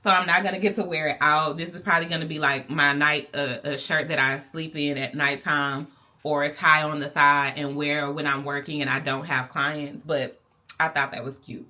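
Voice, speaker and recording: Texan woman vlogger, low-pitched and bright-toned, chatty to-camera talk with playful asides. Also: steady tone, normal speed. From Texas. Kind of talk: casual vlog talk to camera.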